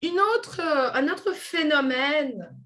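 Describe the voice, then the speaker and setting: Slow-speaking woman lecturer. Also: high-pitched, lively intonation, fairly bright tone. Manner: measured, explanatory delivery with frequent restarts. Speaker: linguistics lecturer. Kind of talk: conference lecture. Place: lecture room with an audience.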